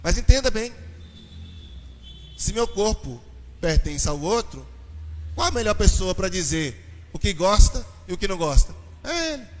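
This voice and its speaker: Brazilian male pastor, young adult, animated and conversational, high voice, long hall echo. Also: measured pace, pauses often, slight background noise. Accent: Brazilian Portuguese. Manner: animated, conversational, addresses the congregation directly. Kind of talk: sermon.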